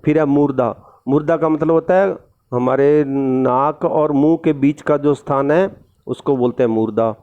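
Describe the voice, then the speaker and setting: A man's voice: fairly high pitch, a little slow, dull audio. A man teaching a school lesson, reading formal lines and then explaining them simply, often checking in with his listeners. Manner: reads formal text, then explains it in simple chatty words with tag questions. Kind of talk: classroom lesson.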